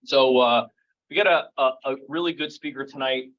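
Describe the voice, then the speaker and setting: Filling in as emcee, a man with a medium-pitched, somewhat bright voice introduces the night's speaker at a moderate pace, casually and with plenty of fillers. He's in a meeting room, recorded in dull lo-fi sound.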